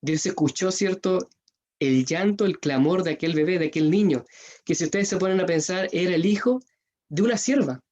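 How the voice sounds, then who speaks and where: A man with a Chilean accent preaching a sermon, earnest, rising in pitch and force when he appeals to parents. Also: normal speed, darkish tone, highs cut off.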